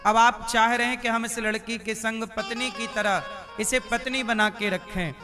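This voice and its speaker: A man's voice: extremely high pitch, steady tone, normal speed, music in the background. A man preaching a sermon, asking the audience questions and answering them with emphasis.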